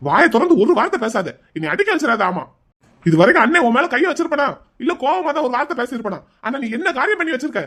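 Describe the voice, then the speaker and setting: A man's voice: very high voice, huge pitch swings, fast, few pauses, a bit bright, exaggerated voice. A man voicing an agitated, protective older brother in a Tamil cartoon, scolding his younger sister. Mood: angry. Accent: Tamil Nadu Tamil. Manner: anxious, scolding, heated. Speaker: cartoon character.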